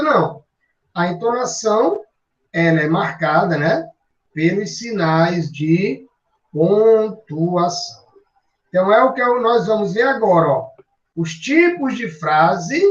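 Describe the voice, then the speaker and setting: A Brazilian man teaching grammar in a slow, high voice, leaning on each point with tag words after nearly every phrase. He sounds set back from the microphone in an echoey room. The sound is dull and lo-fi. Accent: Brazilian Portuguese. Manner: drawn-out, emphatic delivery with frequent tag words. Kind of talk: classroom grammar lesson. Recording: roomy, distant, dull lo-fi sound.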